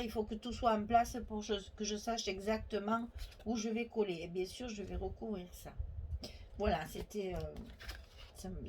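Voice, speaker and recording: A woman's voice: medium pitch, darkish tone, slight background noise, low-quality recording. A woman with a Provençal French accent hosting a chatty, step-by-step scrapbooking tutorial, thinking aloud and correcting herself as she goes.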